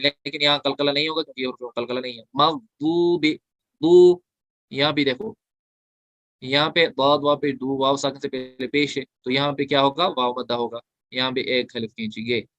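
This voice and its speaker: Brief: male Quran recitation teacher, mid-pitched, explains patiently and chants verses drawn out, dry close sound. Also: fairly even intonation, a little fast, bright, forceful tone, no room sound. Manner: explains step by step, asking questions and answering them himself. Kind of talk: online tajweed lesson.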